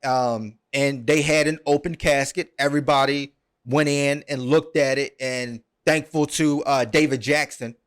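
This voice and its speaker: A man's voice: mid-range voice, steady tone, measured pace, clean tone. A man hosting a podcast, retelling a story at length in a casual, earnest way, with many ums and repeated words. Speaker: podcast host.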